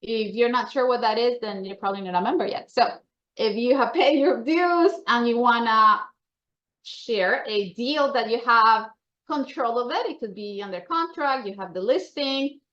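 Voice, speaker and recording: A woman with a Colombian accent, a membership association staffer, gives member announcements at a meeting in an informal, chatty, upbeat way. Her voice sits on the high side and is animated and a bit bright, at a moderate pace. The recording is lo-fi.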